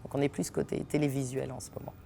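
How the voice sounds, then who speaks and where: A woman's voice: extremely low pitch, fast talker, creaky, slight background noise. A woman from French Guiana, an actress and theatre company owner, answering interview questions with lots of laughter and hesitations in an unfinished theatre hall. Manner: lively, laughs often, many hesitations.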